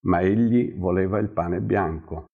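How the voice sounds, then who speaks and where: A man reads a story aloud in a measured, calm way. His voice is deep and husky, and he speaks at an unhurried pace. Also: phone-quality sound. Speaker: narrator. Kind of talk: storybook reading.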